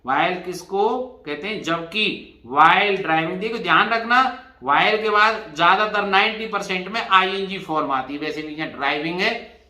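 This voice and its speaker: A man's voice: high-pitched, unhurried, sharp tone, echoey room. A man teaching an exam revision lesson, explaining patiently and spelling words out letter by letter. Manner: addresses students as "bhai".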